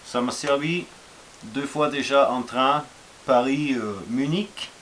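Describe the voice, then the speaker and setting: A man with an Austrian accent talks through his survival gear in a loose, halting way, full of fillers and restarts. His voice sits at an ordinary pitch for a man. A faint hiss runs under the recording. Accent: Austrian German. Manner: hesitant, many fillers and restarts, relaxed and informal. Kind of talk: casual show-and-tell vlog.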